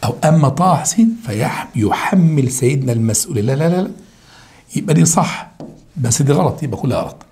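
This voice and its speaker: A man's voice: medium pitch, quick pace. A man with an Egyptian accent teaching an exam-review lesson, asking questions and answering them himself. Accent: Egyptian Arabic. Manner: animated, asks and answers his own questions. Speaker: Arabic teacher.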